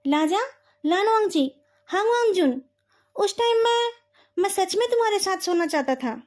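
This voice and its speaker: A bold, teasing young male cultivator, as a woman narrator puts him on, his lines coming high and lifted. He pleads and blurts out his feelings in a heated, emotional way. A storybook retelling with high-set speech. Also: lively intonation, moderate pace, darkish tone. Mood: earnest.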